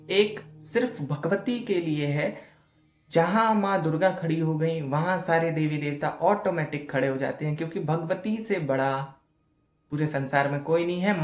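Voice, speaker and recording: A man giving devotional instructions, chanting mantras slowly and often pausing with a short "okay". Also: a little high. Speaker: spiritual teacher. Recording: echoey room with faint music.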